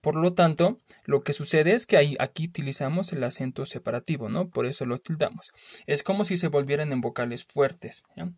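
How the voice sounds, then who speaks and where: A man teaching a spelling lesson, explaining slowly, repeating himself and adding little questioning tags to check that his students follow. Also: on the high side, a little mellow, no room sound, studio quality.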